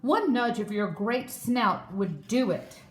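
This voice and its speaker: A woman voicing a boisterous male lion who laughs loudly in a storybook. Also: a little high, lively intonation, takes it slowly, echoey room. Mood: pleading. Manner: loud hearty delivery.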